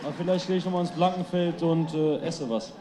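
A young man answers interview questions with easy humor, pausing often with small hesitations. His voice is slightly high and warm. Faint noise is heard behind him. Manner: easygoing, joking, hesitant. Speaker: athlete being interviewed.

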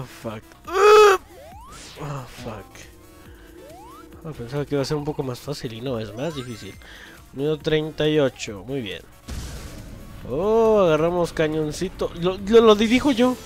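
An excitable young man talks through a video game as he plays it. His voice is fairly high and swings widely in pitch, jumping into loud swearing and laughter. Faint game music plays behind him. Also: normal speed, pauses often. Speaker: gameplay commentator. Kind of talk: let's play commentary.

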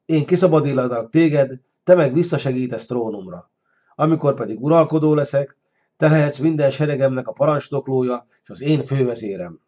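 A man voicing a scheming, flattering deposed king who wheedles and bargains, on a dull lo-fi recording. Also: mid-range voice, close to an everyday voice. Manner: wheedling, sly.

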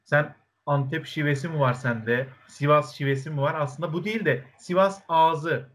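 Male host, slightly high voice, curious questions, faint background noise. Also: moderate pace, a bit bright. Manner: affirming, curious, asks follow-ups. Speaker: interviewer, host. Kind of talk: casual interview questions.

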